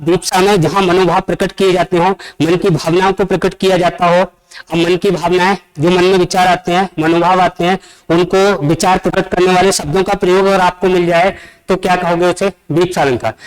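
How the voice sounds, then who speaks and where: A man with a high voice teaches an exam-prep grammar class. He explains step by step and keeps checking that the class follows with quick questions. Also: little pitch movement, clear, resonant tone, low-quality recording. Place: coaching classroom.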